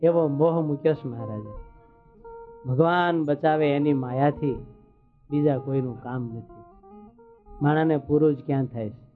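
A man preaches in a chatty, joking storyteller's way. His voice sits a little high. The sound is thin and phone-like, with faint music underneath. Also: a little slow, long pauses. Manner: humorous, chatty, rustic storytelling. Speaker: religious storyteller. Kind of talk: folksy devotional sermon.

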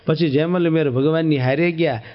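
A man with a Kathiawadi Gujarati accent preaching a devotional sermon as an animated storyteller who acts out the dialogue. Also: on the high side, moderate pace. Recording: dull lo-fi recording.

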